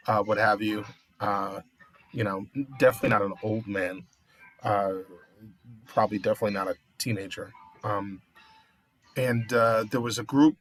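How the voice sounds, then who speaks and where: Halting man with faint noise behind him. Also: lowish voice, a bit bright, poor audio. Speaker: talk show co-host. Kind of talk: casual discussion of recent news.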